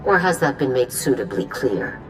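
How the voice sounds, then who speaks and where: Low-voiced stern general. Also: female voice, sing-song. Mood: stern, dry. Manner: brisk, authoritative, dry. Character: stern, commanding female military general. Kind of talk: video game cutscene acting. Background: music.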